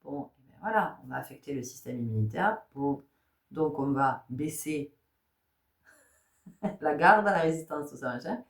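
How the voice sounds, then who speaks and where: In an echoey room, a woman gives a spiritual tarot guidance talk, asking rhetorical questions, repeating phrases, and often checking in with her listeners. Her low, gravelly voice is expressive and unhurried, with frequent pauses, and she sits far from the mic.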